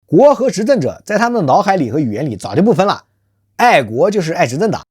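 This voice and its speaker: This host speaks quickly in a mid-range voice that's a little mellow and breathy, with big pitch swings, delivering scripted social commentary. Rhetorical questions aimed at listeners punctuate the emphatic monologue, and the host refers to themselves by nickname in third person. The clean studio recording has no room sound.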